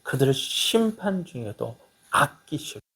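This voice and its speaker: A man's voice: medium pitch, big pitch swings, a little slow, vocal fry, sharp tone, breathy edge. A male pastor preaching a sermon, asking the congregation questions and answering them himself, and reading scripture aloud in a raised voice. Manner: acts out quoted mocking voices.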